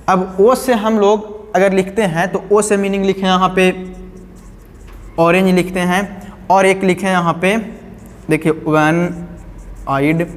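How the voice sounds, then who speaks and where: A male teacher, giving a grammar lesson step by step and often asking his students questions. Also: high voice. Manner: explains step by step, repeats key words, asks the class questions. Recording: long hall reverb.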